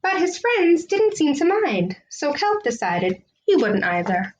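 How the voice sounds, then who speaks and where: Woman, children's read-aloud host, slightly high pitch, lively intonation, dramatic storytelling phrasing, faint noise. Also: measured pace, rough recording.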